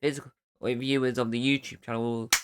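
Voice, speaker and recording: A man hosting his own podcast, talking in a chatty, rambling way with bursts of excited cheering. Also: medium pitch, brisk, very noisy. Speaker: podcast host. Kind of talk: casual solo podcast recap.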